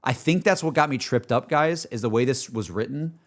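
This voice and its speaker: A man with a medium-pitched voice and a moderate pace gives a rambling livestream reaction to game music. It sounds like a relaxed chat among friends, heavy on filler words like "like" and "dude."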